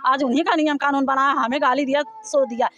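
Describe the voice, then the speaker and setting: A woman's voice: sits high, fairly even intonation, a little fast, sharp tone, lo-fi sound. A woman from the village making an impassioned, indignant complaint to a reporter, calling him sir. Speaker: villager interviewee.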